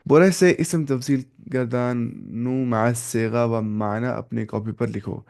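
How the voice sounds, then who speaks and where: A man teaching an Arabic grammar class, slowly repeating word forms and correcting himself as he goes. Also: mid-range voice, steady tone, gravelly, darkish tone. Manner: slow and repetitive, drilling word forms with self-corrections.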